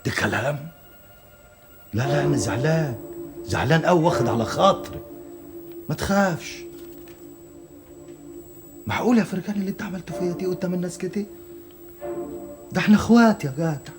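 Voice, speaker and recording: An actor with an Egyptian accent, playing a hard-pressed man who blusters and then smoothly coaxes a worker he owes money, in a TV drama. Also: a little high, fairly quick, long pauses, music in the background, lightly acted. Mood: coaxing. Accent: Egyptian Arabic. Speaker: father and businessman short of money. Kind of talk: 1980s TV drama acting.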